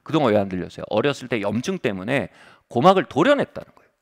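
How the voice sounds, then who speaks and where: A man's voice: medium pitch, sing-song, fast, gravelly. A middle-aged male pastor preaching a revival sermon, telling a story with humor.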